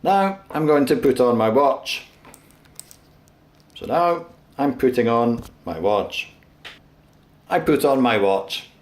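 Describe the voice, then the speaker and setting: A man teaching English, slowly narrating everyday actions in a clear, deliberate way. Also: mid-range voice, lively intonation, roomy sound. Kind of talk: slow, simple narration of daily actions.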